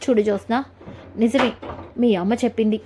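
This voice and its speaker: A woman voicing a middle-aged father who explains himself gently but firmly, in a retold family serial. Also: fairly high pitch, steady tone, fairly quick, slight background noise, natural voice.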